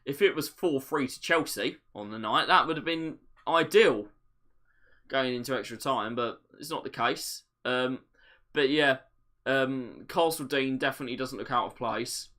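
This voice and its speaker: Bright-voiced man commentating on live football. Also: medium pitch, normal speed. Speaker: football watch-along host. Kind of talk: live match commentary and chat.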